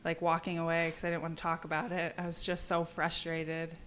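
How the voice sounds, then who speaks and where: A woman's voice: deep voice, a little fast, a little hiss or hum. A young adult woman, a podcast guest, telling a story in casual talk and acting out what people said. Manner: animated, acts out quoted exchanges. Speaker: podcast guest, endurance cyclist. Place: office, indoors.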